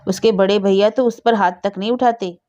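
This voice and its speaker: A woman's voice: mid-range voice, steady tone, brisk, mellow, lo-fi sound, lightly acted. A woman voicing a quarrelsome old grandmother who nags and scolds. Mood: scolding. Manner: scolding, nagging.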